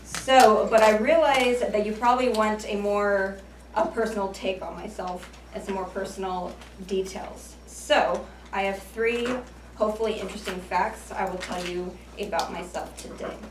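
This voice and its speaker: At normal speed and with fairly even intonation in a mid-range voice, a twenty-something American woman gives her icebreaker at a speaking club, a prepared humorous speech full of self-deprecating, lightly joking asides. The mic sits far off in an echoey room, with slight background noise.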